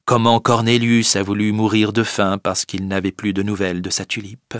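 A man narrating a storybook tale in a plain, steady way. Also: on the low side, moderate pace, no echo, clean studio sound. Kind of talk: storybook reading.

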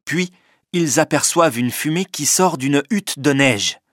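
Male storybook narrator, measured and clear, dry booth sound. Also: on the high side, animated, fairly bright tone, no room sound. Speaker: audiobook narrator.

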